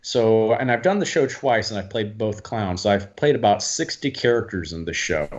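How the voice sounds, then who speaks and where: A lively man from Alabama talking casually as a podcast guest. He slips into voices to act out stories, his pitch jumping around. The audio is slightly dull. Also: normal speed. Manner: animated, slips into voices for quotes. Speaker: guest actor. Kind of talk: casual chat.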